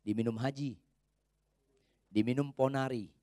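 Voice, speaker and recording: A man preaching a sermon from a church pulpit, swinging between loud, high exhortation and quiet asides while quizzing his congregation. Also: steady tone, no echo, clean studio sound. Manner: asks the congregation quick check questions. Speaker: pastor.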